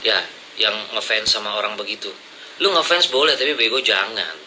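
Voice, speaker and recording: A man's voice: fairly low pitch, expressive, fairly quick, background noise. A man ranting at his critics in blunt, confrontational slang, lecturing them from his seat. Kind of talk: heated casual rant to camera. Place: seated indoors, smoking and drinking coffee.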